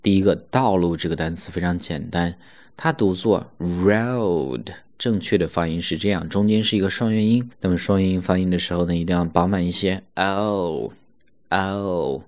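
A man teaching English pronunciation in an online lesson, slowly stretching out English words to demonstrate them. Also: deep voice, steady tone, a little mellow. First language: Mandarin Chinese.

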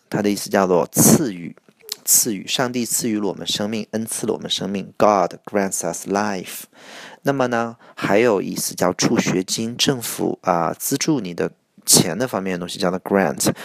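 A man teaching English vocabulary for an exam, repeating each word slowly and explaining it in Chinese. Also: deep voice, gravelly, dry recording. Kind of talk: IELTS vocabulary lesson.

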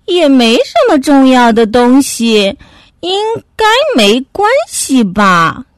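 A woman's voice: high voice, expressive, takes it slowly, dry recording, studio quality, pitched above the performer's own voice. A woman voicing a cheeky, impatient young male puppy in a children's story, in a snappy, whiny manner. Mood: carefree.

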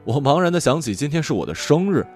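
Brief: male narrator, reflective story reading, expressive rise and fall, faint music underneath. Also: a little high, fast talker. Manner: calm, reflective, drifting. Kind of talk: first-person story narration.

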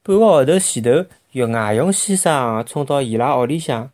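Very animated Shanghainese-accented storyteller. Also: mid-range voice, normal speed. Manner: expressive, with vivid sound words. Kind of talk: animated children's story narration.

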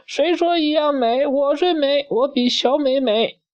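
A reader voicing a quick-tempered little girl who shouts in a shrill, loud voice in a storybook reading. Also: lightly acted. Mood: angry. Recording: dull lo-fi recording.

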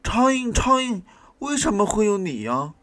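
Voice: mid-range voice, big pitch swings, normal speed, a bit bright, no echo, voice pushed up. A reader voicing a small, curious boy in a storybook, asking earnest, wondering questions over backing music. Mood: questioning. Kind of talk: storybook reading. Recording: music playing behind the reading.

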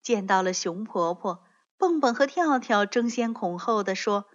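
A woman reads a children's story aloud slowly, her voice bright and lilting with wide, animated pitch. Gentle and expressive, heard on a dull lo-fi recording.

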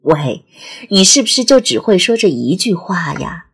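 A woman's voice: on the low side, very animated, normal speed, slightly rough, pitched below the performer's own voice, full character voice. A woman voicing a frazzled, exasperated young woman. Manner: impatient, pleading, flustered.

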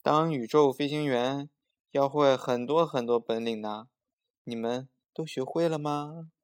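A man's voice: medium pitch, measured pace, natural voice. A man voicing a mother who scolds her children in an exclaiming but caring way. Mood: chiding.

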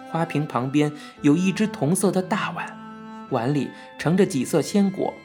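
A man reading a novel aloud as an audiobook narrator, in a measured, even storytelling manner. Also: fairly high pitch. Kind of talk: scripted narration.

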